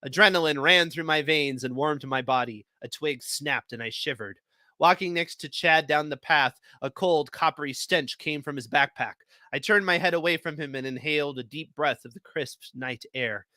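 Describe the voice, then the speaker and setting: A man hosting a live event, reading stories aloud in a lively, expressive way. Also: a little high, normal speed, no room sound. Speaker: host.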